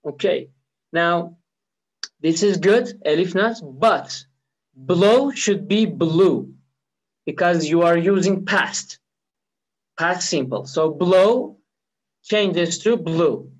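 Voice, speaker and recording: A man's voice: high-pitched, lively intonation, slow, long pauses, slightly rough, poor audio. A man from Iran with a Persian accent teaching a live online English lesson, patiently repeating key words.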